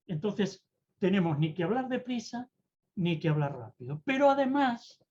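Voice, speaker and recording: A presentation-skills mentor gives an online talk on public speaking. The delivery is theatrical, with deliberate shifts in tone and pace. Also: mid-range voice, very animated, darkish tone, muffled recording.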